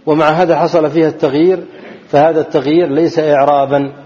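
A man's voice: on the high side, flat delivery, fast talker, mellow. Man teaching grammar, lo-fi recording. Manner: asks the students questions and answers them himself, repeats key words. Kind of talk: classroom grammar lesson with call-and-response questions. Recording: dull lo-fi recording.

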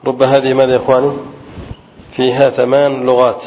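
A man's voice: medium pitch, monotone, a little hiss or hum. Man teaching grammar on a muffled recording. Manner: asks the class questions and answers them himself; repeats key phrases slowly for emphasis. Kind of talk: classical grammar lesson.

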